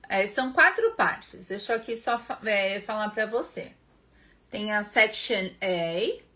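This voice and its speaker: A Brazilian woman hosts a casual live lesson, her voice bright and a little high. She takes her time, speaking slowly and chatting directly with viewers by name between explanations. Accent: Brazilian Portuguese. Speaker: English teacher and live-stream host.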